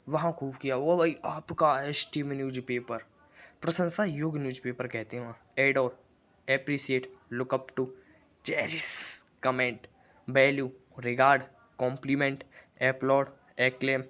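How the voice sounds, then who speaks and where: A man runs an exam-prep vocabulary lesson. He talks in a chatty, teasing way, firing off long lists of synonyms at a middling pitch. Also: fairly bright tone. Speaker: vocabulary teacher.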